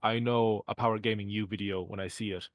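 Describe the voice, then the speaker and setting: Low-voiced young man, rambling podcast host. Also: fairly even intonation, fairly quick, no echo. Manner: rambling, lots of fillers and restarts. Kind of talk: casual podcast chat.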